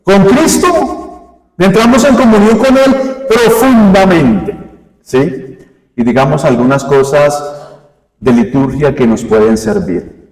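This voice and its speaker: Priest giving a homily, keeps quizzing the flock. Slow, a touch high, heard from afar in a roomy church. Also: male voice, animated, a little mellow. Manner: quizzes the congregation with rhetorical questions. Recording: echoey church hall from far off.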